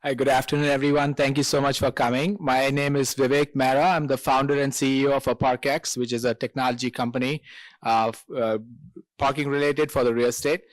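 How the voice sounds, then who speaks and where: Measured man, close and dry. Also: medium pitch, little pitch movement, no echo. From India. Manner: measured, logical, with light laughs. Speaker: founder and CEO, panelist. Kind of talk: panel discussion.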